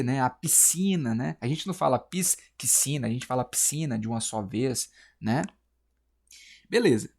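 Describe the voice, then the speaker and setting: A man's voice: medium pitch, a little mellow. A man with a Brazilian accent teaching a casual exam-prep lesson. He talks in a chatty, slangy way and keeps checking in with "né?" and "beleza?". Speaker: Portuguese teacher.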